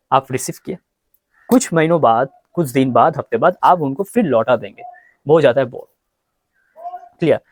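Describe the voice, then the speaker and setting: A man teaching a grammar lesson, explaining in Hindi and reading examples slowly. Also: a little high, darkish tone, no room sound. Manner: explains in Hindi, reads English examples slowly and repeats words. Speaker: English teacher.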